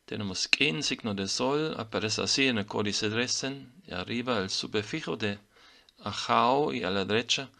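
A man whose first language is German, slowly explaining Maya glyphs in a lesson, pausing to read out each sign. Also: medium pitch, vocal fry, pushed and bright. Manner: slow, deliberate reading of glyph names. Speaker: teacher of Maya writing.

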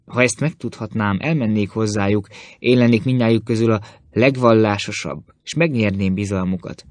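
Man reading as a slippery, bowing Greek informer for an audiobook, lowish voice, dry close sound; humble words, boastful tone. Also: darkish tone, no echo, lightly acted. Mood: fawning. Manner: obsequious and boastful. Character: sly, fawning male Greek philosopher-informer.

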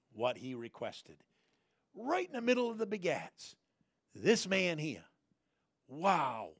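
A man preaching a folksy sermon, repeating phrases and sometimes bursting into loud shouted prayers. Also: on the high side, creaky, no echo, studio quality.

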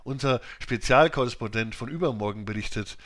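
A man's voice: medium pitch, a little fast, fairly bright tone, natural voice. A skeptical young journalist, as a male narrator reads him. He sounds baffled and scoffs at what he hears. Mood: scoffing.

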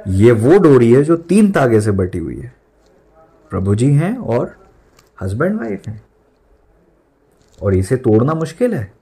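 A man's voice: medium pitch, big pitch swings, unhurried, pauses often, mellow, slightly rough. A young man in his twenties preaching an emphatic sermon as a pastor, mixing in English words and repeating lines for stress.

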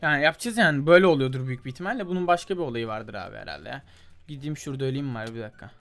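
A man's voice: medium pitch, expressive, very fast, fairly bright tone, faint music behind. A young man giving casual, chatty commentary while he plays, muttering to himself as he tries things and talking straight to his viewers. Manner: chatty, mutters while trying, calls viewers "abi" and "gençler". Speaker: gaming YouTuber.

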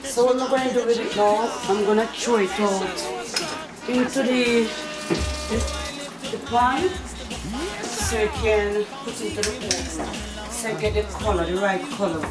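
A woman's voice: mid-range voice, fairly even intonation, measured pace, long pauses. A middle-aged woman with a Jamaican accent, chatting casually as she shows how she cooks at home. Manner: chatty, explains as she works. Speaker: home cook. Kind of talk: casual cooking demonstration. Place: home kitchen, indoors. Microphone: far camera. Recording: echoey kitchen, distant mic, loud music.

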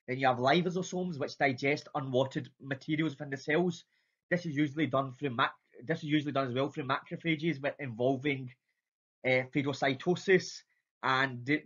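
Male lecturer, broad Scottish accent, mid-pitched, informal and halting delivery, slightly muffled lo-fi sound. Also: steady tone, fairly bright tone, slightly rough. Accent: strong Scottish. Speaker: biology lecturer. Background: voice-over for slides.

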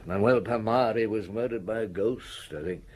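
An actor playing a dry, sardonic police chief inspector in a radio drama, questioning in a measured, ironic way. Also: male voice, on the low side, a little mellow, natural voice.

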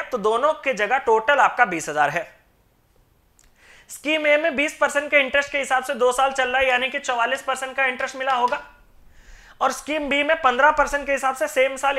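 Bright-voiced woman teaching math. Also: on the high side. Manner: talks through steps in mock dialogue, asking and answering; mixes English terms into explanation. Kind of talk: exam-prep math lesson.

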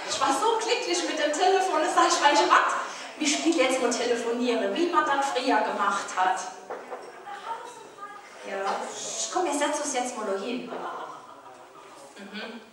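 High-voiced Saarland woman in echoey hall. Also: lively intonation, moderate pace, pauses often. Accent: Saarland German. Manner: chatty storytelling, acting out dialogue. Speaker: carnival comedian. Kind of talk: carnival stand-up monologue. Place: large carnival hall with audience. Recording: distant, echoey hall with crowd.

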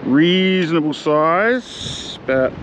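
Taking it slowly in a slightly high voice, an Australian fishing vlogger chats laid-back and full of slang as he films himself from a seaside jetty. The first-person camera-mounted mic yields dull outdoor audio with wind noise, and wind and water can be heard.

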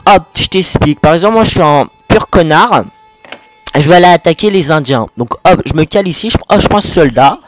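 Man, French accent, gameplay tutorial commentary, crude, rambling, fast, fairly high voice. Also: expressive, dry recording, soft background music. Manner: crude, rambling, swears a lot, fast talking. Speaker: gaming video host.

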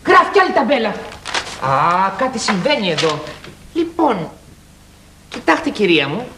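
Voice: medium pitch, sing-song, background noise, lightly acted. A performer playing a polite, bewildered male children's journalist in a 1980s children's TV show. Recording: roomy old TV recording with faint music.

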